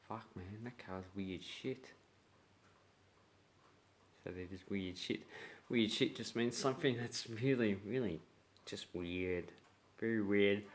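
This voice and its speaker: A young man with an Australian accent, explaining slang in a blunt, playful way and acting out example lines. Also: medium pitch. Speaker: slang teacher. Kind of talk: casual video lesson.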